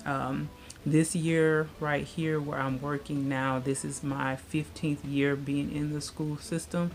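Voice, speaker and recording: A woman's voice: low-pitched, vocal fry. A woman in her late thirties chatting casually to her viewers, rambling with lots of fillers. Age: 30s. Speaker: vlogger. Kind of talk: casual chat.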